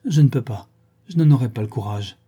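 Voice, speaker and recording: A man's voice: medium pitch, brisk, warm tone, slightly rough, close to an everyday voice. A man reading the lines of a frightened, tender young Englishwoman in an audiobook, pleading and trembling. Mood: fearful.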